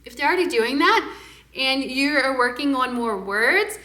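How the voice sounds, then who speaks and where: A young woman speech-language pathologist giving parenting tips in a lively way and singing nursery songs with big, exaggerated delivery. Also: high voice, normal speed. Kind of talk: parenting tips with sung demonstrations. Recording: echoey room.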